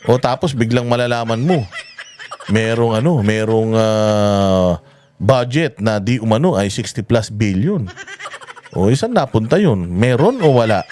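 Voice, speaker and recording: A man giving casual political commentary, chatty and often chuckling, with his pitch swinging up and down. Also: expressive, unhurried, a little mellow, slight background noise.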